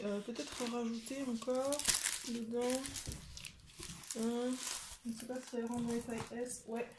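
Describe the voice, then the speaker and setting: A woman vlogger, casual and chatty, presents her collection with a fairly high voice. She speaks at an unhurried pace and keeps saying "hop" and "voilà". The room sounds echoey, with clear background noise. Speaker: craft vlogger. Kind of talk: casual show-and-tell vlog.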